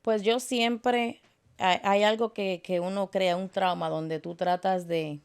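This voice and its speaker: A woman, a guest telling her story in an interview in an earnest, halting way with many fillers. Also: medium pitch, steady tone, clean tone. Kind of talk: personal testimony in interview.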